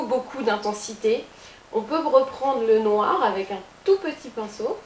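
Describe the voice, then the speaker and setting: A woman giving a casual makeup tutorial as a beauty blogger, chatty, with playful asides to her viewers. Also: fairly high pitch. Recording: roomy with faint hiss.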